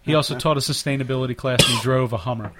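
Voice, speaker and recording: A man's voice: mid-range voice, rapid-fire, heavy background noise. A man hosting a casual podcast, rambling and laughing often, often stumbling and repeating words as he talks. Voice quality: natural mimic who slips into others' accents. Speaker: podcast host. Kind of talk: casual chat.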